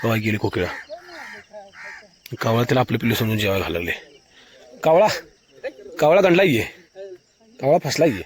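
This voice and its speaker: A man's voice: medium pitch, animated, moderate pace, pauses often. A man, casually vlogging outdoors by a river and pointing things out to viewers. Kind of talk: casual walking vlog by a river.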